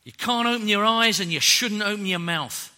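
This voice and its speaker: A preacher voicing a jeering, scornful crowd. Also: male voice, high-pitched, moderate pace, bright, forceful tone, long reverb tail. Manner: mocking, scornful. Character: jeering crowd telling beggars to shut up.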